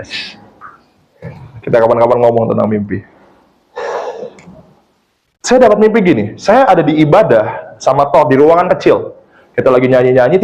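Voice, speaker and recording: A man's voice: fairly high pitch, rough recording. A male pastor preaching a sermon in a church, telling stories with laughter and slipping English phrases into his talk. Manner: lively storytelling with laughter, mixes in English phrases.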